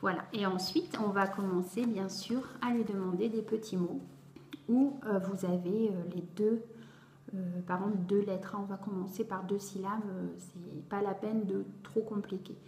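A woman's voice: medium pitch, steady tone, normal speed, darkish tone. A woman reading tutor explaining a learning method to parents, hesitant and full of fillers. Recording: echoey room with faint background noise.

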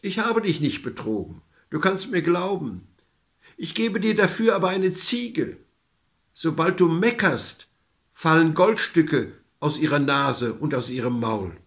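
A man's voice: a little high, expressive, unhurried, fairly bright tone, voice pushed up. A man voicing a very old peasant woman in a fairy tale, earnest and reassuring.

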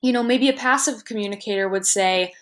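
A woman teacher giving a recorded lesson, explaining patiently and checking understanding with "right?", now and then acting out short quotes in a higher voice. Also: fairly quick, a bit bright.

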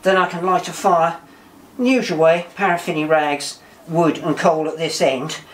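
A man's voice: fairly high pitch, normal speed. An older man, a volunteer boat engineer, explaining in a practical, chatty way as he works. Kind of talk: explaining while working. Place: engine room of a steam tug, indoors. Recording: noisy engine room recording.

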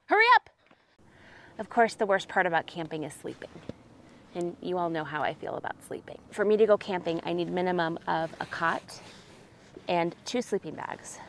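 A woman's voice: fairly low pitch, moderate pace, slight background noise. Dramatic woman joking at a campsite. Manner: chatty, dramatic, swinging from hushed to excited. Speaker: comedy sketch host. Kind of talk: comedic sketch monologue to camera. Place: forest campsite outdoors. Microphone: lapel mic.

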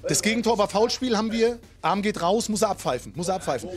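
A man's voice: high voice, lively intonation, quick pace, faint music behind. A middle-aged man bantering and commentating casually on a football livestream in a blunt, joking way. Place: football ground, stand and indoor rooms.

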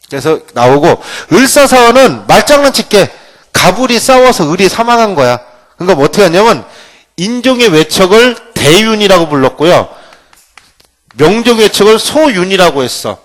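A man's voice: high-pitched, very animated, moderate pace. Jokey male history teacher, swoops up and down a lot when he talks, acts out little scenes. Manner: playful, acts out quotes. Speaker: history lecturer. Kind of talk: humorous classroom lecture. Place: lecture room.

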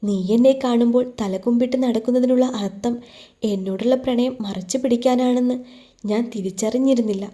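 Storybook young husband, playful then earnest; woman reader's own voice, very warm and mellow tone. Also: fairly high pitch, fairly even intonation, fairly quick, lightly acted. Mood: tender. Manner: playful teasing turning earnest. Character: young man, teasing, devoted husband in love.

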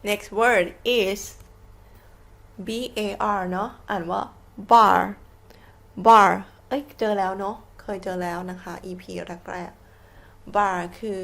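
A woman's voice: medium pitch, vocal fry. A woman English teacher with a Thai accent, patiently spelling out words letter by letter and repeating each one as she explains them. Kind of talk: slow, patient classroom explanation.

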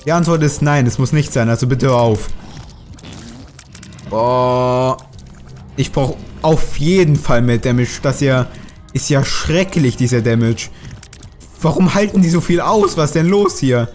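A man's voice: mid-range voice, unhurried, pauses often, darkish tone, faint music behind. A man commenting on his own play in a let's play, chatty, grumbling and swearing at enemies as he goes. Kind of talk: gaming commentary.

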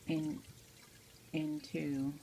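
Her low, dark, creaky voice moves extremely slowly with a flat delivery. This amateur how-to video maker gives a casual, informal step-by-step tutorial indoors at her home kitchen stove, frequently checking in with the viewer. The handheld phone behind the camera captures poor audio with slight background noise.

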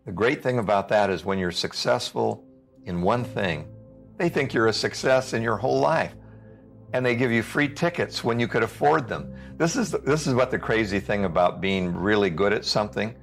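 A man's voice: on the low side, lively intonation, normal speed, creaky. A man giving a motivational talk in an explanatory, anecdotal way. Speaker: motivational speaker. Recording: music behind the voice. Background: background music.

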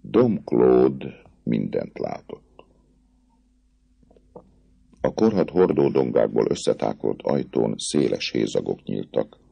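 A man reading a classic novel aloud as an audiobook narrator, in an expressive, dramatic way. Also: very deep voice, gravelly, pauses often, husky, no echo, muffled recording.

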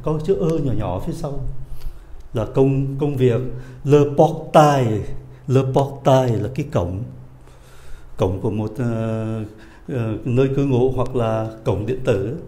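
A man gives a pronunciation lesson in an unhurried, measured way. His voice is mellow and his pitch is ordinary. He draws each model word out slowly, and the room around him sounds echoey. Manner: slow, drawn-out model words between quick explanations. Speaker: French teacher.

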